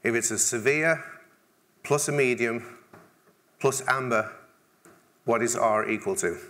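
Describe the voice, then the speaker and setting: With an unhurried pace and a medium-pitched, fairly bright voice, a middle-aged Englishman delivers a keynote on a large conference stage. It's conversational, laced with dry humor, and full of restarts.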